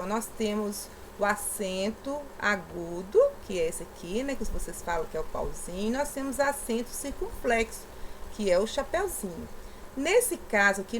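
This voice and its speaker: A woman's voice: on the high side, slight background noise, low-quality recording. Patient woman teacher stressing syllables. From southeastern Brazil. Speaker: primary school teacher. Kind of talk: recorded lesson explanation.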